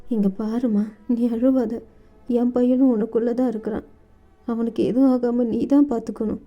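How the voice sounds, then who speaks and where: A woman voicing a grieving mother who speaks softly and steadily to comfort a young woman, in a storybook reading. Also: a little high, moderate pace, lightly acted. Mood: consoling. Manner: soft, steady, soothing. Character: gentle grieving mother, calm and consoling. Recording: dull lo-fi recording with faint music.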